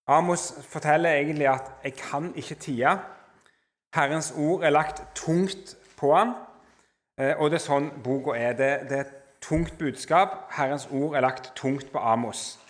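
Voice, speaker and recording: A man lecturing on the Old Testament in a measured way, slowing down for emphasis and often pausing with hesitations. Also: on the high side. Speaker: Bible teacher.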